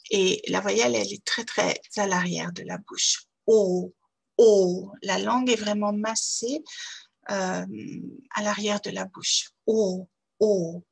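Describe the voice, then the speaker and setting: A woman teaching English vowels to French children, saying each word slowly and repeating it with care. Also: mid-range voice, creaky, fairly bright tone, slightly rough. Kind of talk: slow, careful pronunciation lesson.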